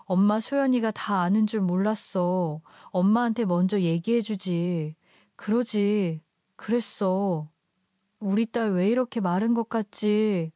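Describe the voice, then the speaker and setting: A woman's voice: medium pitch, measured pace, dark tone, no room sound, clean studio sound, lightly acted. A woman voicing a desperate, self-pitying young wife who pleads and clings in a storybook narration. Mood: cloying.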